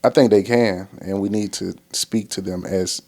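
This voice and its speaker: A man's voice: deep voice, steady tone, moderate pace, darkish tone. A man in his thirties co-hosting a casual parenting chat as a father, talking in a laid-back, slangy, reflective way. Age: 30s. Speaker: co-host, father.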